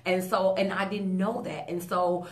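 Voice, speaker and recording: A woman's voice: on the low side, little pitch movement, a little slow. A woman in her thirties, a guest on a radio talk show, speaking earnestly and conversationally with frequent fillers. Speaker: guest, stroke survivor.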